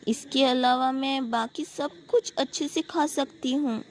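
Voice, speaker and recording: A woman's voice: sits high, a little slow. A woman voicing a timid little adopted girl who speaks hesitantly and stammers, in a storybook retelling.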